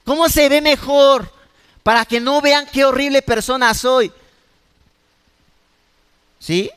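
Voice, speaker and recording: A man's voice: extremely high pitch, slow pace, a bit bright, smooth, long reverb tail. A man with a Mexican accent preaching a sermon as pastor, talking conversationally and peppering his points with rhetorical questions. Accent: Mexican Spanish.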